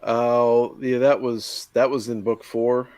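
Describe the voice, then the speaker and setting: A man's voice: mid-range voice, flat delivery, takes it slowly, a little mellow. A man on a book discussion livestream, talking enthusiastically and laughing between remarks. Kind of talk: casual livestream chat.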